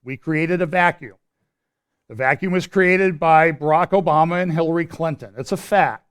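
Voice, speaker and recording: Guy doing a prophecy update for his church, kinda high voice, chatty and opinionated, lots of restarts. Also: normal speed, clean tone. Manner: explains while pointing at a map on screen. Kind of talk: conversational commentary.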